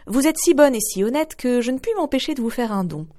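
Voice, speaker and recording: A woman voicing a kindly fairy in the guise of an old woman, speaking in a gentle, solemn way. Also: high voice, animated, fast, voice pushed up.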